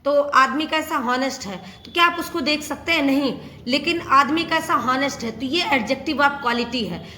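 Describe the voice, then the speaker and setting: A woman's voice: high voice, moderate pace, hardly any pauses, sharp tone, slight background noise. A woman teaching a grammar lesson, asking questions and answering them herself with lots of repetition. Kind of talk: Hindi grammar lesson explaining English.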